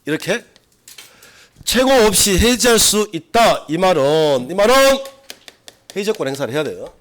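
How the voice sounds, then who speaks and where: A middle-aged man lectures a classroom on civil law. His pitch sits a little high, and his voice swings widely as he acts out examples. He keeps firing questions at the students. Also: big pitch swings, a little slow, fairly bright tone. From South Korea.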